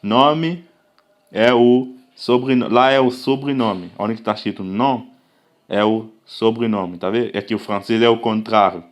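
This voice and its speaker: A man from Africa giving a casual language lesson, patiently repeating and drawing out example phrases and often checking that listeners are following. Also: on the low side. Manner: patient, repetitive, checks understanding with "tá vendo?"; slowly drawn-out example phrases. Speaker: language teacher.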